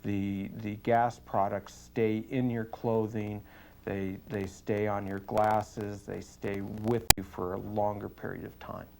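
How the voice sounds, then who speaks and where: A man's voice: fairly low pitch, level tone, takes it slowly, gravelly, mellow, slight background noise. Matter-of-fact man giving an earnest testimonial. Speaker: police sergeant giving a testimonial. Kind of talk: spoken testimonial in an interview.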